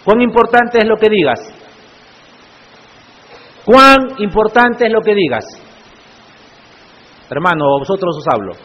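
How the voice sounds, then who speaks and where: A man's voice: high voice, lively intonation, a little slow, long pauses. A male pastor preaching a sermon in church, often putting rhetorical questions to the congregation. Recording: echoey church hall, muffled lo-fi sound.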